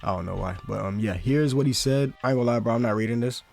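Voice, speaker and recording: A man's voice: medium pitch, fast, vocal fry, darkish tone, faint music behind. A young man giving casual, rambling commentary full of slang, calling everyone "bro". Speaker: commentary YouTuber.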